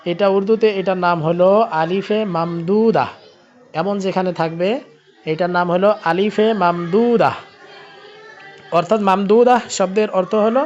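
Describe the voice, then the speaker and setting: A man teaching Urdu letters in a recorded lesson, reciting the sounds slowly one by one. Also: high-pitched, dull audio. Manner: slow drilling recitation, pointing to a book page.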